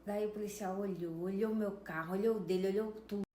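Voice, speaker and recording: A woman's voice: medium pitch, steady tone, fast talker, warm tone, a little hiss or hum. A woman around fifty with a Brazilian Portuguese accent, emphatically telling a story straight to her viewers. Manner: emphatic, often addresses viewers directly. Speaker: vlogger. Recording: echoey room with faint ambience.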